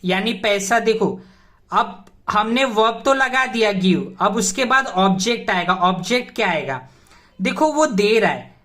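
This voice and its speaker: Woman teacher, mid-pitched, explains grammar slowly with repeated check-in questions. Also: lively intonation, a bit bright. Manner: patient, repetitive, asks checking questions. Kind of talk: explaining a lesson.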